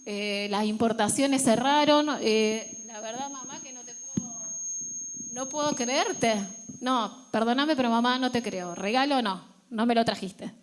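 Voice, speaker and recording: A woman's voice: on the high side, unhurried, slight background noise, natural voice, low-quality recording. An Argentine woman voicing her complaining young son, who whines and makes excuses in a preaching illustration. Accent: Argentine Spanish. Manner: whiny, excuse-making.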